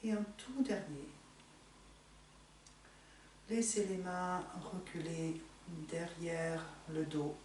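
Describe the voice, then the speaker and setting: A woman teaching yoga in a soothing, unhurried, gently encouraging manner, giving slow guided instructions. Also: fairly low pitch, fairly even intonation. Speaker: yoga teacher leading a morning class. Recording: echoey room, distant mic, faint noise.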